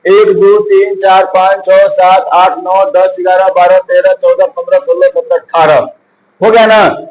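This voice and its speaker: A man's voice: high voice, steady tone, measured pace, a little mellow, faint music behind, low-quality recording. A male coaching teacher, giving a chemistry lesson, asking and answering his own questions and counting aloud.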